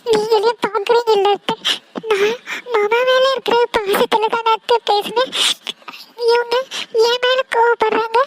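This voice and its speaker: A woman's voice: extremely high pitch, steady tone, moderate pace, pauses often. A woman voicing a jealous, tearful young woman who plots in secret, in a cartoon. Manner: whiny, resentful, plotting. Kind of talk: cartoon voice acting.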